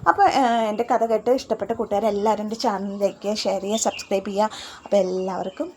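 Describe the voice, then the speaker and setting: Fast-talking woman recapping a serial. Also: medium pitch, little pitch movement, dark tone, slight background noise. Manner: rapid, chatty storytelling with fillers. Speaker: serial recap channel host. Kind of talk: casual retelling of a TV serial episode.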